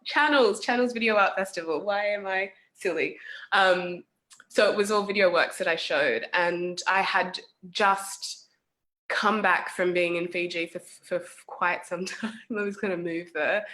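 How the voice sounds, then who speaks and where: Young woman artist, reflective and halting, lower voice, heard over a video call. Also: a bit bright. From South Sudan. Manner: thoughtful, hesitant, many fillers. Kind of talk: casual reflective talk.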